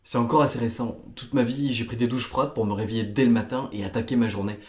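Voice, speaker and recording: A man's voice: medium pitch, steady tone, fast, darkish tone. A man giving a mock testimonial interview in an earnest, confessional manner. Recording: echoey room.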